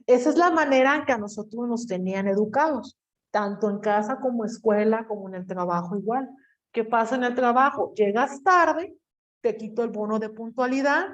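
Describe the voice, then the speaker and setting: A woman teacher, lecturing an online class over a video call and quizzing her students with everyday examples. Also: fairly high pitch.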